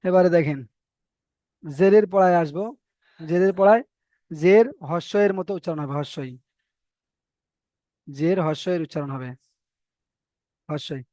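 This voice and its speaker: A man's voice: a little high, a little slow, long pauses, mellow, no room sound. A man teaching Arabic letter pronunciation in an online lesson, patiently drilling and correcting students. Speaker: Quran reading teacher.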